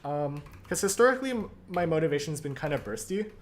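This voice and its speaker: A young adult streamer with a hoarse, croaky voice, casually thinking aloud while coding and often stopping to correct themselves. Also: medium pitch, animated, fast, a little hiss or hum. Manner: thinks aloud, self-correcting, many fillers. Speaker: streamer studying compilers. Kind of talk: casual live-coding narration.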